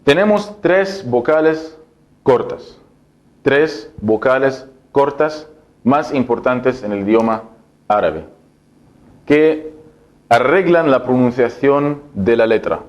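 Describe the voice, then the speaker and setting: A man with a mid-range voice gives a language lesson at an unhurried, measured pace. He poses a question and then answers it himself. He repeats each syllable several times so the learner can copy it. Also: mid-range voice, lively intonation, darkish tone, muffled recording. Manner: explains step by step, asking and answering his own questions. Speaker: Arabic teacher.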